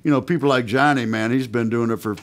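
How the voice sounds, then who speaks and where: In a small radio studio, a laid-back guest musician from the United States, in his sixties, chats with a quick pace and medium pitch that stays fairly even. Slight background noise comes through the stand mic at his guitar, and "man" and "you know" crop up constantly.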